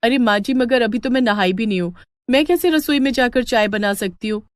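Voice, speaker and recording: Woman putting on a whiny high-pitched cartoon bahu, vain and shrill. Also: fairly quick, natural voice. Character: vain young daughter-in-law.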